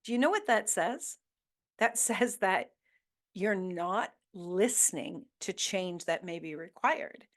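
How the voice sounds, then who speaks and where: An earnest woman hosts a motivational talk and speaks slowly and deliberately. She coaches her listeners with direct questions and repeats her key points for emphasis, in a voice of middling pitch. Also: lively intonation. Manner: slow deliberate delivery with emphatic repetition. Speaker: host.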